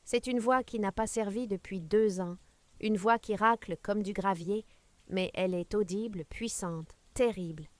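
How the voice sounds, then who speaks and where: A woman's voice: mid-range voice, a little slow, dry recording. A woman narrating a scripted dramatic story with suspenseful pacing.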